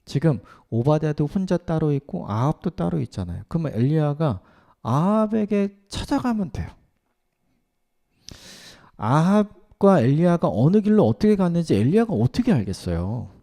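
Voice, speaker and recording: A man's voice: fairly high pitch, sing-song, moderate pace, vocal fry. A man preaching a dawn sermon as a pastor, reflective and now and then acting out the lines of the people in the passage. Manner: reflective, acts out quoted lines in softer voice. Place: church at dawn service.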